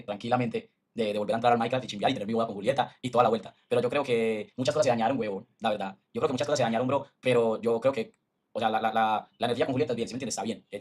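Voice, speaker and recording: A young man with a Medellín Colombian accent, ranting to his stream in a heated, slangy, fast-rambling way. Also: medium pitch, breathy edge. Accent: Medellín Colombian Spanish. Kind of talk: casual stream rant.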